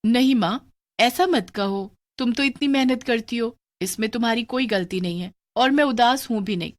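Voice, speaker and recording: Casting: woman as a high, sweet, earnest young girl for a cartoon story. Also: moderate pace, lightly acted. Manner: earnest, bright, childlike. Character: poor, gentle young girl.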